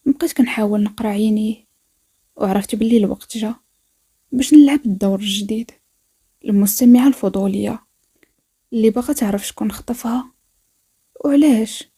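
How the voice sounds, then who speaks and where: Husky Moroccan woman narrating a story. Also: medium pitch, a little fast, long pauses, dark tone. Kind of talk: first-person story narration.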